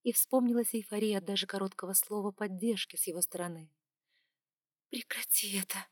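A woman narrates a first-person audiobook in a steady, measured, intimate read. Her voice sits in a middle register and is recorded dry and close with no room sound. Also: medium pitch, dry recording.

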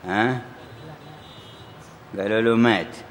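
A man's voice: lowish voice, fairly even intonation, slow pace, slight background noise. A man teaching a religious text, telling stories and acting out the quoted voices. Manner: storytelling with quoted voices, rising and falling emphasis. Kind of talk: sermon-style commentary on a classical text. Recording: echoey hall with faint ambience.

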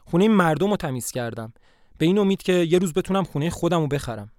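A weary, proud grandmother, as a man reads her part who talks earnestly and quickly. The voice is a little high and lively in pitch, and the sound is dry and close, like a storybook read aloud. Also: no echo, lightly acted. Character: weary older grandmother, a proud hard worker.

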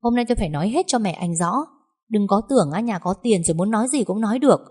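Woman doing a sharp-tongued defiant daughter-in-law. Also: mid-range voice, animated, fast talker, slightly rough, pitched above the performer's own voice. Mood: defiant scorn. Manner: cutting, defiant.

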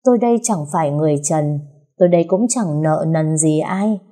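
A woman voicing a sharp-tongued, scheming young wife who taunts in sing-song rhymes and wails theatrically. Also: low voice, animated, fairly quick. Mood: mocking.

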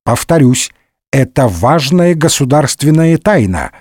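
A man's voice: medium pitch, sing-song, unhurried, a little mellow, slightly rough, no echo, clean studio sound. A man voicing a scheming, sardonic middle-aged cardinal in a comic audiobook, wry and condescending. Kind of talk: audiobook character voice.

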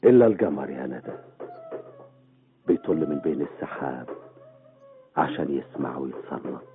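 A proud, romantic man. His voice is deep and moves expressively, in an old radio drama with dulled sound. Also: animated, normal speed. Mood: tender, romantic. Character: proud Bedouin man, vengeful yet tenderly romantic. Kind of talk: Arabic radio drama acting. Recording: dull old radio recording, faint music.

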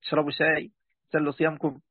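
Egyptian male sheikh, high-voiced and quick, chatty online lesson, phone-thin sound. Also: monotone, slightly rough, no echo, narrow, tinny audio. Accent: Egyptian Arabic. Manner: chatty, talks straight to his students, breaks off mid-word. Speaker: sheikh teaching a class. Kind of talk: online lesson, reading a text aloud and explaining it.

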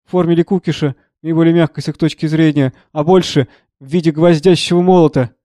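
A man reading the part of a troubled, gentle elderly professor who speaks earnestly and with agitation. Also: a little high, steady tone, fairly quick, no room sound, studio quality, close to an everyday voice.

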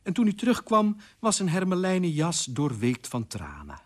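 A man reading a fairy tale aloud on radio with lively, expressive storytelling. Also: high-pitched, normal speed.

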